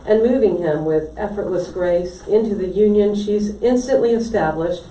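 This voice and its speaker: A woman with a dark, mid-range voice reads a poem aloud at a moderate pace during a live library poetry reading indoors. The recording picks up room echo and faint noise from a distant microphone.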